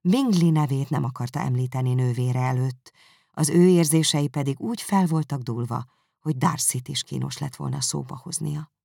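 Low gravelly woman narrating a novel. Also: dry recording, studio quality. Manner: calm, measured storytelling. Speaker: audiobook narrator. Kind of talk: scripted narration.

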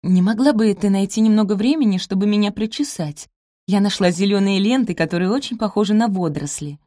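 A woman voicing a timid gentle young girl. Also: mid-range voice, fairly quick, dry recording, studio quality, pitched above the performer's own voice, natural voice. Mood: meek. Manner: meek, hopeful.

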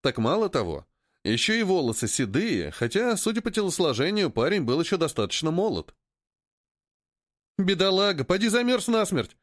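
A man reading an audiobook with dramatic narration, slowing down on emphasized phrases. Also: on the high side, sing-song, no room sound, clean studio sound. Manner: slows down for drawn-out dramatic phrases. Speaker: audiobook reader.

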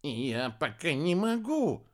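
A man doing a slow, mild old granny witch. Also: on the high side, sing-song, pitched above the performer's own voice. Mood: mild, puzzled.

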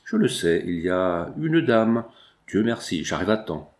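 A man's voice: low voice, sing-song, unhurried, a little mellow. A man voicing a resolute young woman who insists on being heard, in an audiobook. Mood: firm. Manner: firm, insistent.

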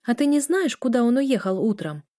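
A woman voicing a tired, gentle young pregnant student who complains plaintively. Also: on the high side, very animated, moderate pace, no echo, studio quality, voice pushed up. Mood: weary. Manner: weary, plaintive.

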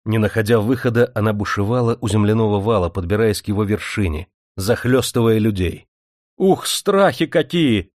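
A man narrating a novel in steady, measured storytelling. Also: lowish voice, dry recording. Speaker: audiobook narrator. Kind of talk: scripted narration. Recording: dry studio audiobook recording.

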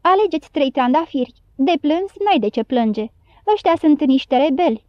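A woman's voice: high-pitched, animated, no echo, dull audio. A woman reading as a haughty scolding countess. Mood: condescending. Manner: scolding, condescending. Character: haughty rich countess, middle-aged.

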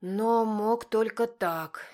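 A woman's voice: on the high side, very slow, darkish tone, voice pushed up. A woman voicing a blunt grown woman who scolds in a reproachful, matter-of-fact way. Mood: scolding.

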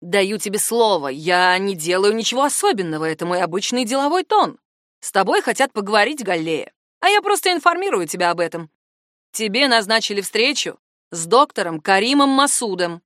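A woman doing a calm male AI assistant. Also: mid-range voice, no room sound, studio quality, natural voice. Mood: calm, insistent. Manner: measured, soothing, slow.

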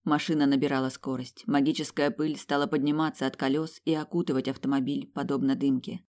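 A woman's voice: very deep voice, level tone, fairly quick, darkish tone. A woman narrating a novel in the first person, with an emotive delivery that rises on exclamations and quoted lines. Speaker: audiobook narrator.

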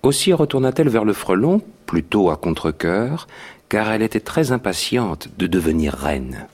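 A man narrating a children's story in a radio drama, with an even storytelling delivery. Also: lowish voice, moderate pace, husky.

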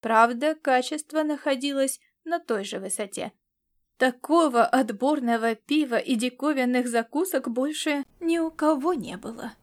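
A woman narrating a science fiction adventure audiobook in a lively storytelling manner. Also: high-pitched, moderate pace.

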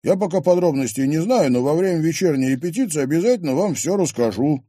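A man's voice: on the high side, expressive, fast, warm tone, no echo, clean studio sound, voice pushed up. A man voicing a cheeky, sociable teenage boy who talks in a breezy, joking way.

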